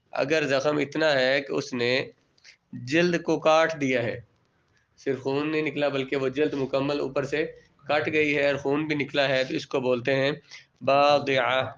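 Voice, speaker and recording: In a dull, lo-fi classroom recording, a male religious studies teacher from Pakistan lectures in a mid-range, slightly bright voice. He reads out Arabic terms and breaks each down in simple words, frequently asking the class something and then supplying the answer.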